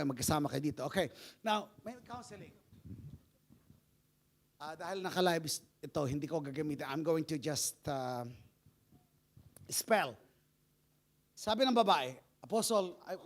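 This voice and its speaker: High, lively-voiced male pastor. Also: creaky. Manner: playful, storytelling, often laughing. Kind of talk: live church sermon.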